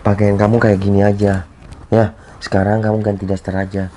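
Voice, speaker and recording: A man playing an ailing young husband who feels guilty, speaking softly and wearily as if feverish and dizzy, in an amateur skit. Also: fairly low pitch, flat delivery, fairly quick, slight background noise, lightly acted. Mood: tired tender. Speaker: sick husband.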